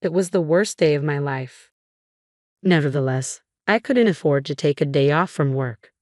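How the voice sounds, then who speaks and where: A woman narrating a first-person revenge story in a measured, scripted way. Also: deep voice, animated, a little mellow, dry recording, studio quality.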